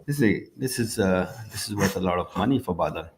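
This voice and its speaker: A man's voice: low-pitched, animated, fast, a little hiss or hum. A man giving live golf commentary in a plain, conversational way, as part of an informal booth team.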